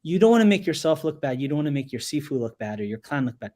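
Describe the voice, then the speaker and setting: Animated storytelling man. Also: a little high, fast talker. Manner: animated, repeats words often while telling a story. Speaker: resident kung fu master. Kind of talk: casual storytelling on a live show.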